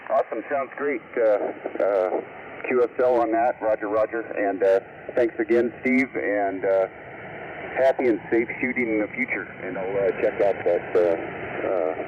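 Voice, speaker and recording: A middle-aged or older man speaking haltingly and politely in procedural radio talk, heard over a crackly two-way radio like a military transmission. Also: lowish voice. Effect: crackly two-way shortwave radio. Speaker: amateur radio operator checking in to a net. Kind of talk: radio check-in with call signs and procedural words. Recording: crackly, noisy, muffled shortwave radio signal.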